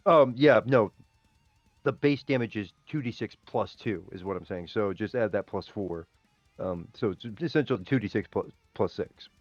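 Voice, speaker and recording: A man's voice: lowish voice, normal speed, dry recording, lo-fi sound, faint music behind. A man acting as game master, explaining dice rules in a loose, rambling way. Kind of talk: running a tabletop game on stream.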